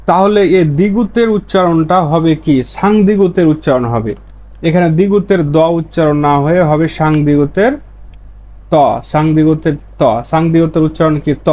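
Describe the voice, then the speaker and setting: A man with a somewhat high voice teaches a pronunciation lesson. He is patient, repeats each example slowly, and asks himself questions before answering them. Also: darkish tone. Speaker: language teacher.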